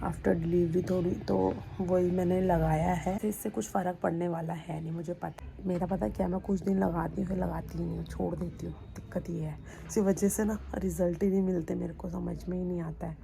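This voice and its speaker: A young woman with a hoarse, sore throat, chatting casually to viewers in a home vlog. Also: fairly even intonation, brisk, hardly any pauses, warm tone, slight background noise. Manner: high playful baby talk to her infant. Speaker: vlogger. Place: home, indoors.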